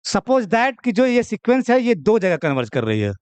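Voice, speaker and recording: A man's voice: high-pitched, sing-song, moderate pace, darkish tone, smooth, dry recording. A young man teaching maths to a class, chatty and teasing, often checking in with "okay". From India. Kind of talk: classroom lecture.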